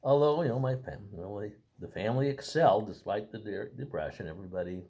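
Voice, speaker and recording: An older man talks through his family's past in a casual interview. His voice sits low but swings widely in pitch. He rambles and restarts often as he searches for details. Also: expressive, darkish tone. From Boston, Massachusetts. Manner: rambling, halting, with many restarts.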